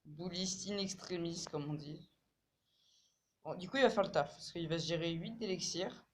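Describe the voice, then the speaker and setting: A man commentating his own mobile game match in casual French slang, swearing and repeating words when excited. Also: on the high side, moderate pace, slight background noise.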